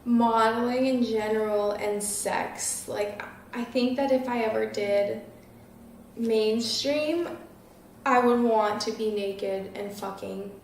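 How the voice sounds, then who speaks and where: A nineteen-year-old woman answers interview questions casually, giggling and filling her speech with "like." Her voice is on the high side, steady, a little mellow and slow. She's off-mic and distant in a very echoey room, with a little hiss or hum.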